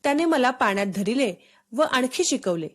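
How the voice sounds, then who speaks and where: A woman narrating a storybook for schoolchildren in a steady, expressive read-aloud. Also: high-pitched, moderate pace.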